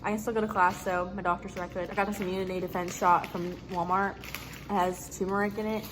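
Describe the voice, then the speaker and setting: A woman's voice: medium pitch, little pitch movement, fairly quick. A young adult woman, a student vlogger, chatting casually to the camera in an informal, slangy, rambling way. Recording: noticeable background ambient noise.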